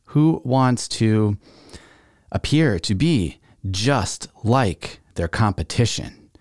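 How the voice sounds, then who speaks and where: A man with a fairly low voice hosts his own podcast in a relaxed, chatty way. He keeps turning to the listener with rhetorical questions. The sound is close and dry, with no room echo. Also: slow pace. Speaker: podcast host. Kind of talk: casual solo podcast talk.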